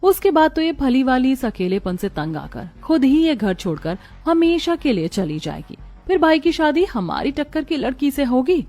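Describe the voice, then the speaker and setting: A woman's voice: sits high, big pitch swings, normal speed, hardly any pauses, dark tone. A woman voicing a spoiled, snobbish young sister who mocks. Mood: mocking. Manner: mocking.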